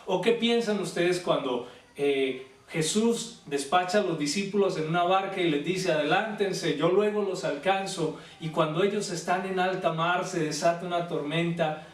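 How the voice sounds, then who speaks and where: A man's voice: high voice, normal speed. A man preaching a youth service sermon, telling stories and asking the listeners questions. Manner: storytelling, acting out biblical quotes, asks the listeners questions. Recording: echoey room, voice from a distant mic.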